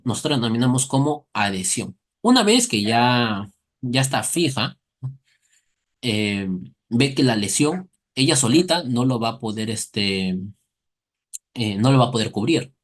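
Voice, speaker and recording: A male medical lecturer in a mid-range voice, explaining step by step to his students. He keeps posing quick questions and answering them himself, and livens the material with friendly, playful comparisons. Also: medium pitch, animated. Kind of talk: recorded class explanation.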